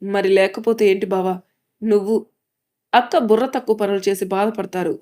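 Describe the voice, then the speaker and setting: A woman's voice: medium pitch, steady tone, moderate pace, dark tone, natural voice. A woman voicing an outspoken young woman who talks bluntly and lectures.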